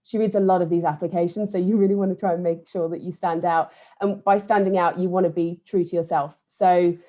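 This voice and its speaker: A woman's voice: on the low side, steady tone, fairly quick, warm tone. A woman from England speaking on an online careers panel, chatty and enthusiastic, often restarting her phrases. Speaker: panellist, think tank team manager. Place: home, video call.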